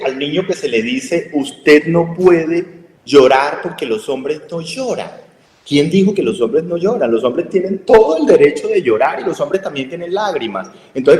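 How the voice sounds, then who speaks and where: A man's voice: on the high side, a little mellow. A man with a Colombian Spanish accent, giving an explanatory radio talk on health communication and often asking rhetorical questions. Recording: echoey room with long reverb.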